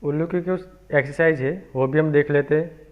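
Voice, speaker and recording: A man teaching a children's alphabet lesson, speaking slowly and patiently, repeating each sound for young pupils. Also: fairly high pitch, steady tone. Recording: tinny phone-like recording.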